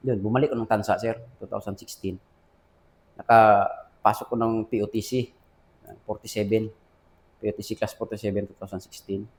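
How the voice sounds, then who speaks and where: A man's voice: lowish voice, flat delivery, brisk, long pauses, a little mellow. A man with a Filipino accent, an army officer recounting his career in a casual interview, often saying sir and quoting past conversations. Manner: addresses listener as sir often, quotes dialogue.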